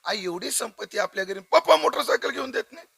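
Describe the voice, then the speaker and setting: A man voicing an eager teenage boy who pleads with his parents in a high voice. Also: animated, fast talker, vocal fry, a bit bright, husky, dry recording, clean studio sound, full character voice. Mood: pleading.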